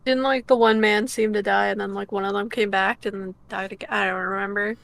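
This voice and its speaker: A woman's voice: mid-range voice, steady tone, a little fast, gravelly, fairly bright tone, no room sound. A woman co-hosting a podcast, chatting casually and joking, laughing often. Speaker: podcast co-host. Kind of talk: casual chat.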